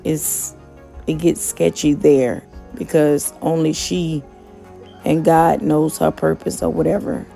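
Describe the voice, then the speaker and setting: In her relaxed vlog about motivation, a woman who works gigs and makes motivational content talks at an easy pace in a monotone she acknowledges herself. Her deep, mellow, gravelly voice comes across as conversational, with plenty of fillers and restarts, over quiet soft music.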